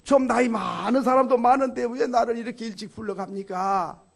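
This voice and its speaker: A man voicing a young man who pleads and complains loudly that he was treated unfairly. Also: very high voice, a little fast, gravelly, full character voice. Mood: pleading. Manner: complaining, raising his voice.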